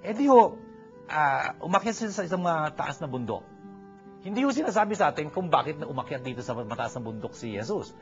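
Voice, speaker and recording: A man's voice: on the high side, big pitch swings, fairly quick. A man with a Filipino accent preaching a sermon, mixing English phrases into his talk with many fillers. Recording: dull lo-fi recording with faint music.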